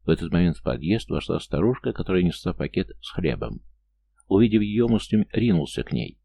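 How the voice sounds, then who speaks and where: Man, audiobook narration, very deep voice, gravelly, dark tone. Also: very animated, fairly quick. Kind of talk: scripted narration.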